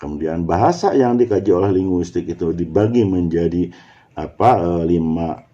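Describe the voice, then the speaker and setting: Man lecturing in a low, mellow voice. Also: lively intonation, normal speed, muffled recording. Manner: explains step by step, often asking rhetorical questions and adding "ya".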